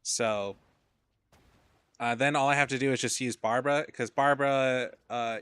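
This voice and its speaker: A man's voice: mid-range voice, fairly even intonation, normal speed, a bit bright, clear, resonant tone. A man casually commentating his gameplay on a stream, rambling and swearing, getting tired as he plays. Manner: rambling, profane, drowsy asides. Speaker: game streamer.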